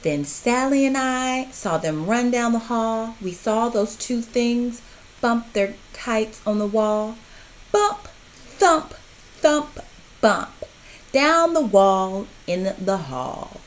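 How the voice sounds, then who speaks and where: A woman reading a rhyming storybook aloud to children with expressive, rhythmic, deliberate phrasing. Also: a little high, rough recording.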